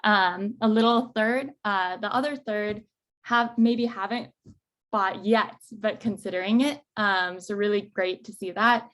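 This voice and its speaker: A woman's voice: medium pitch, measured pace, fairly bright tone. Friendly woman co-hosting a webinar, loose fillers. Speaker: webinar co-host, product manager.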